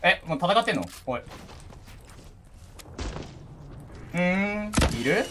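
Rowdy man shouting through a game. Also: sits high, fast talker. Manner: rough, excitable, shouts and laughs at enemies. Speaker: gaming channel host. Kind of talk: casual gameplay chat with a teammate. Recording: noisy game audio behind.

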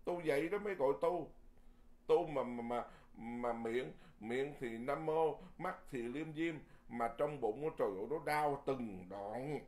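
A man who is a Buddhist monk, giving a Dharma sermon in a lively, folksy way, often repeating words and chuckling. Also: mid-range voice, a little slow.

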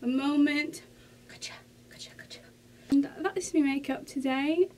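A woman reacting to a music video in casual commentary, excitable and gushing, with sudden squeals and exclamations. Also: high-pitched, normal speed. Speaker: reaction vlogger.

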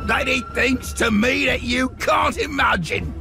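A man voicing a vengeful, sadistic orc in a video game, menacing and gravelly. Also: extremely high pitch, unhurried, bright, forceful tone, soft background music, exaggerated voice. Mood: vengeful anger.

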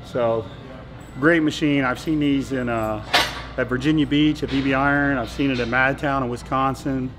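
A middle-aged man coaching a leg workout in a large indoor gym, counting reps loudly and urging his partners on, then calmly explaining the machines. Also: medium pitch, normal speed. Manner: loud rep-counting encouragement. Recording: echoey gym with loud music.

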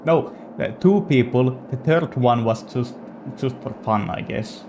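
A young man casually commentating a horror game he is playing, halting and full of fillers. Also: mid-range voice, noisy background. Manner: slow, hesitant, lots of filler. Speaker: game player, channel host.

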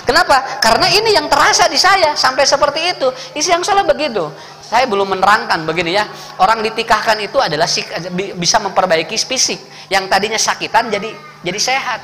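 A man with a Sundanese accent giving a lively, joking sermon, acting out the voices of the people in his stories. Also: very high voice, quick pace. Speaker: preacher. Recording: echoey hall with faint background noise.

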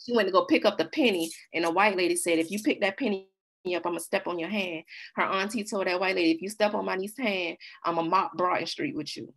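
Woman, low-ish voice, casual storytelling presenter who laughs easily. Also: fast talker, fairly bright tone. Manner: conversational, laughs while telling stories. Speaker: workshop presenter. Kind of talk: casual talk with slides.

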